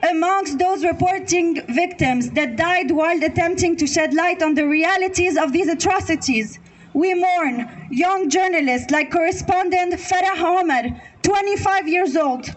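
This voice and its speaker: At an outdoor rally in a public square, a Lebanese woman reads a prepared speech to the crowd, earnestly listing points one after another. Her voice is very high and unhurried, and the poor audio picks up some chatter behind her.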